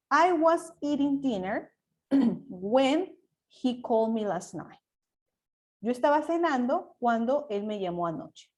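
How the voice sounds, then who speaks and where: Fairly high-voiced woman teaching grammar. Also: a little mellow. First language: Spanish. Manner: switches between Spanish and English, explains patiently with asides. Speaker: English teacher. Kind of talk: recorded online grammar lesson.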